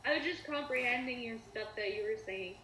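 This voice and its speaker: Woman as Sonic, giggly young hero, high and playful, roomy faint-hiss call audio. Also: a little fast, bright, forceful tone. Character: Sonic, cheerful young hedgehog hero in training. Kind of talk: live cosplay role-play chat. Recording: echoey live video call.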